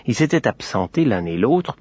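A man reading a children's tale aloud, lively with playful asides. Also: mid-range voice, moderate pace, slightly rough, dry recording. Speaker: storyteller. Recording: dry, slightly dull lo-fi recording.

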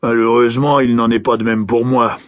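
A man voicing an old, grieving king, speaking low and hushed with a husky, wavering voice, in a storybook reading. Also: little pitch movement, brisk, dull audio, lightly acted. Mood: awkward, polite.

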